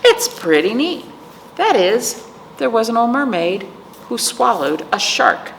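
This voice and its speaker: This woman hosts storytime for young children in an echoey room where background noise is clearly heard. She reads in a lively sing-song, pitch climbing and dipping, keeping a measured pace and giving each phrase time as she talks directly to her young listeners.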